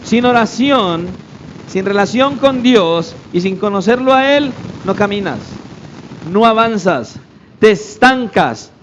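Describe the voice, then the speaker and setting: A man's voice: high-pitched, lively intonation, slow, dull audio, slight background noise. A man pastor preaching a sermon, emphatic, throwing rhetorical questions at the congregation.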